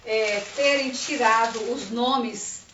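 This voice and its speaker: A woman with a Brazilian accent, a literacy teacher giving a chatty, expressive online lesson and acting out little dialogues. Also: on the high side, takes it slowly. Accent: Brazilian Portuguese. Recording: muffled, roomy, distant mic with faint hiss.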